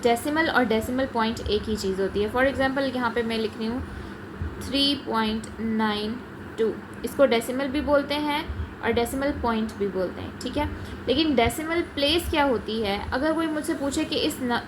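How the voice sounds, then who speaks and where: A woman's voice: a little high, normal speed, background noise. A woman with a Pakistani accent teaching a math lesson, explaining patiently as she writes. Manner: mixes Urdu-Hindi with English terms, patient and repetitive. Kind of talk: explaining a math lesson while writing on a board.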